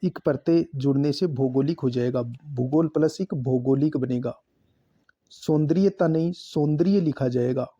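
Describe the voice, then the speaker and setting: A man teaching a spelling lesson for exam prep, slowly repeating each word and marking it correct. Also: mid-range voice, dark tone, husky, dull audio.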